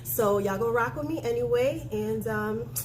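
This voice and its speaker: At a normal speed and a fairly high pitch, a private chef with a head cold talks loosely through a home cooking demo, her voice stuffy and nasal. She holds the phone camera herself in her kitchen, chatting easily with plenty of ums and asides as constant household noise plays clearly in the background.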